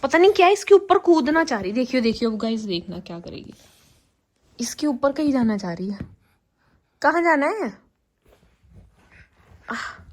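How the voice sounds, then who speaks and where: A young woman vlogging at a family home, telling stories in an animated way and repeating words. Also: sits high, normal speed, pauses often. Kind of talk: casual family vlog chat.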